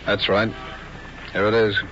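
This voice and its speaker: An actor playing a composed, laconic federal agent in an old radio drama, understated and matter-of-fact. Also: male voice, lowish voice, flat delivery, a little slow, over music, close to an everyday voice. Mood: calm, guarded. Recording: muffled old radio recording.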